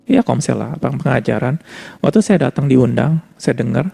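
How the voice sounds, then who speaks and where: Gravelly-voiced man preaching. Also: medium pitch, lively intonation, moderate pace, warm tone, faint music behind. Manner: conversational, mixes in English words. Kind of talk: sermon with personal testimony.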